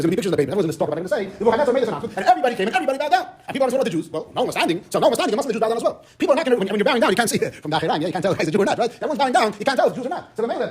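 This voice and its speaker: A man teaching a Torah class as a rabbi. He retells the story briskly, acting out the dialogue and mixing Hebrew and Yiddish terms into his teaching. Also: high voice.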